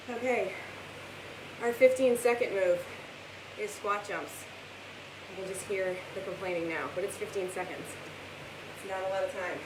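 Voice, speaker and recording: A woman working as a fitness instructor, calling out encouragement, cues and countdowns as she exercises through a live workout class. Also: medium pitch. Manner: exerting herself while talking through the exercises. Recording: echoey room, far from mic, loud hiss.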